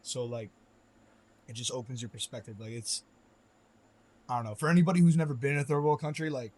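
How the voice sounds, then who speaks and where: A man's voice: mid-range voice, steady tone, fairly quick, darkish tone, slight background noise, rough recording. A man talking loosely on a casual podcast, full of fillers, slang and swearing. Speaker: podcast guest.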